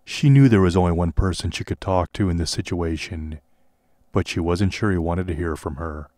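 Deep deadpan male narrator. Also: moderate pace, no echo, clean studio sound. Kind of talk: audiobook narration.

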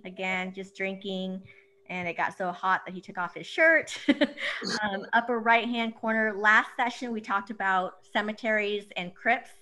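A chatty woman talks loosely on a video call, full of ums and small laughs. Her voice sits at an ordinary middle pitch, easygoing and conversational. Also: pushed and bright, clear, resonant tone. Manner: chatty, filler-heavy, laughs easily. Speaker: author sharing photos. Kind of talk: casual video-call book discussion.

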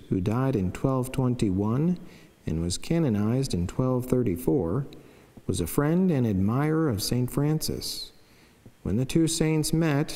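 This is a scripted devotional reading of a saint's life by a Franciscan friar and priest, a middle-aged man with a soft, mellow, medium-pitched voice. He is solemn and deliberate at the lectern microphone, and the indoor wood-panelled chapel trails a long reverb after him.

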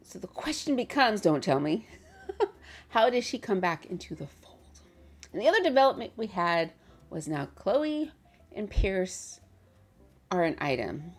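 A woman chatting casually as she hosts a reaction video from her bedroom, animated and laughing often. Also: medium pitch, measured pace, long pauses.

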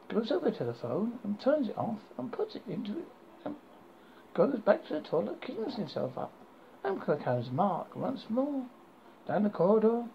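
British guy doing horror host storytelling, halting and tripping over words, croaky, kinda muffled noisy home recording. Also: sits high. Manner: halting, stumbling over the script. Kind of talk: horror host reading a scripted scary story.

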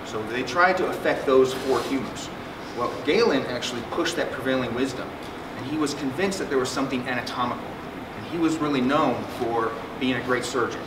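Here a middle-aged man, a psychiatrist, talks briskly at medium pitch and barely pauses, cracking jokes and peppering his symposium presentation with fillers and restarts. A distant microphone captures him in an echoing conference room with a projector screen, with air conditioning droning behind.

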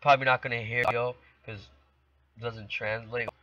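In his bedroom, a teenage boy who runs a gaming channel narrates a video game as let's play commentary, playfully taunting the opponents. His male voice is mid-range and sharp, with a level tone and moderate pace, captured in a dull, lo-fi, dry home recording.

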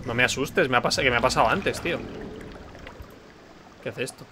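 A man's voice: medium pitch, moderate pace, a little hiss or hum. A young man giving casual, joking let's play commentary while he plays, talking to himself. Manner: chatty, joking, self-talking. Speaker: gamer streamer. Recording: voice over loud game music.

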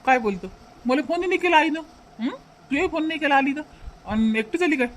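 A man voicing a caring young brother in a cartoon dub, with a Varhadi Marathi accent, questioning and calming his family. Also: extremely high pitch, fast talker, a little hiss or hum. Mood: surprised. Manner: surprised questioning, then calming. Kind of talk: cartoon dubbing.

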